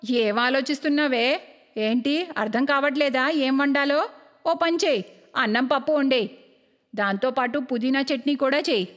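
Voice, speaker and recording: A woman's voice: high voice, normal speed, long reverb tail, natural voice. A woman voicing a stingy, bossy middle-aged mother-in-law who scolds and mocks in a cartoon story. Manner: scolding, sarcastic.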